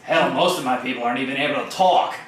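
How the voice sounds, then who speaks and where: A man's voice: mid-range voice, quick pace, fairly bright tone. A man playing a tabletop role-playing game, talking in a sarcastic, grumbling way. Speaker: player. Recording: echoey room, from far off, with noise.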